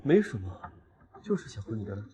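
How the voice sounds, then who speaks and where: Low-voiced, earnest, persistent suitor. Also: male voice, big pitch swings, fairly quick, mellow, slight background noise. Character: earnest man confessing long-held love, persistent. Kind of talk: screen drama acting.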